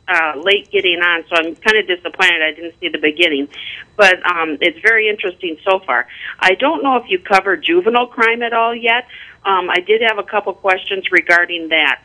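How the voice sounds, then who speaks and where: A caller on a clipped phone line, talking casually and hesitantly with many pauses and ums. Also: medium pitch, sharp tone. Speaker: call-in listener. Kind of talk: casual call-in comments.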